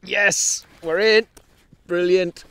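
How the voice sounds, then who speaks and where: A man's voice: high voice, drawn-out words, vocal fry, clean tone. Chatty man fishing from a kayak. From North East England. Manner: chatty and upbeat, with excited bursts when a fish is hooked. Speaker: kayak angler. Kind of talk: casual fishing vlog commentary. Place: on a kayak out at sea, outdoors. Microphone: action camera mounted on the kayak.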